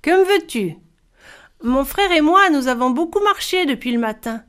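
A woman voicing a young male forest spirit who calls out loudly and asks favors politely, in a storybook reading. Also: high voice, animated, moderate pace, pitched above the performer's own voice. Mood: pleading.

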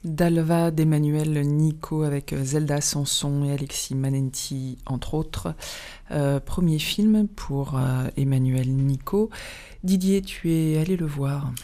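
A woman presenting a film show on local radio, speaking from a studio. Her voice sits a little low, and her delivery is relaxed, with hesitations and self-corrections. Faint music plays underneath. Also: takes it slowly. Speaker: radio host.

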